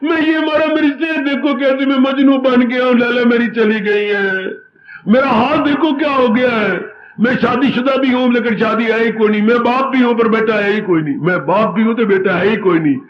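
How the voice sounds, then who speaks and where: A man's voice: very high voice, moderate pace, background noise. A man voicing a grieving grown son who laments in a whining, self-pitying way. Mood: lamenting. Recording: roomy, dull recording, faint ambience.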